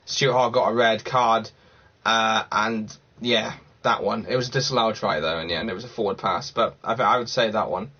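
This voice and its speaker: A man's voice: lowish voice, normal speed, sharp tone, breathy edge. A man from Cardiff hosting a casual livestream, chatting and rambling as he answers viewer comments. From Cardiff, Wales. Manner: chatty and rambling, thinks aloud. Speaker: livestream host. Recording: slightly dull lo-fi sound.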